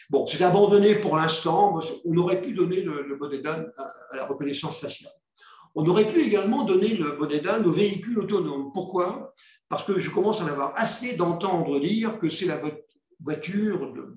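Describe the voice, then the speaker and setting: A man's voice: fairly high pitch, echoey room. A man giving an informal tech presentation, hesitant with many fillers and repeated words, and dropping wry joking asides to his listeners. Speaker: tech commentator presenting a yearly review.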